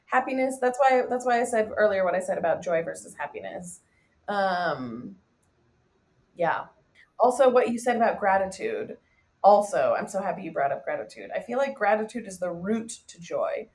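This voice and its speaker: A woman's voice: medium pitch, animated, moderate pace, a little mellow. A woman from the US west coast, a life coach guest, talking animatedly and laughing easily in a casual interview. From west coast of the United States.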